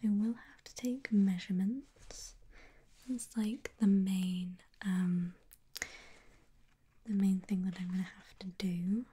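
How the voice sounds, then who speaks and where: A woman's voice: medium pitch, steady tone, takes it slowly, warm tone, husky. A young woman whispering an ASMR roleplay as a reassuring pre-surgery nurse, with hesitant ums. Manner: reassuring, clinical.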